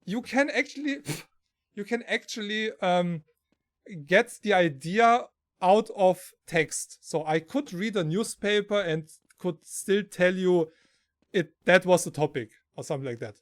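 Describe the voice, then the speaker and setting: A man's voice: high-pitched, a little slow. A German man from southern Germany hosting a casual stream, telling rambling anecdotes and laughing often. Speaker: stream host.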